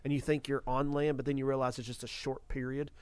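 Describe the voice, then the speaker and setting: A man's voice: mid-range voice, level tone, quick pace, darkish tone, clear, resonant tone, no room sound. Earnest male ministry show host. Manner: earnest, repeats phrases for emphasis. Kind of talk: faith talk show, encouraging.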